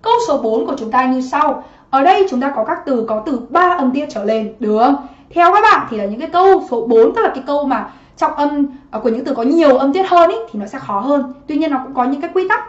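A woman's voice: high voice, animated, quick pace. A woman teaching a livestream exam-prep lesson from her home office, chatty and constantly asking students to comment. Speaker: English teacher. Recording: muffled roomy livestream audio.

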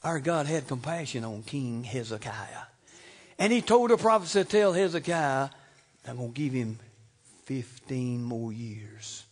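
A middle-aged man preaching a fervent sermon in a church, calling for amens and swinging from loud to hushed. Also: mid-range voice, big pitch swings, measured pace, slight background noise. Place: church sanctuary.

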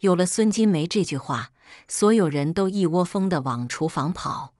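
Expressive woman storyteller, lively pitch. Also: moderate pace, dry recording, studio quality. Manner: shifts into character voices for quoted lines. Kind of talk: first-person story narration with acted dialogue.

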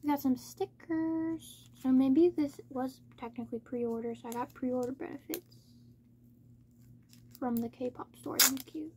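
High-pitched, monotone woman chatting casually. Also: a little slow, background noise. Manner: monotone delivery with little word stress. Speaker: K-pop album unboxing host. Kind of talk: casual chat, unboxing commentary.

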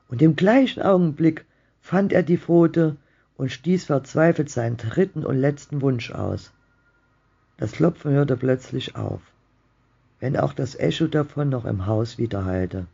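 Ein Mann, der ruhig und spannungsvoll eine Gespenstergeschichte vorliest. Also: male voice, medium pitch, gravelly, warm tone, husky. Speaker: reader of a ghost story. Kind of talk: slow storytelling reading. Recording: dull muffled home recording.

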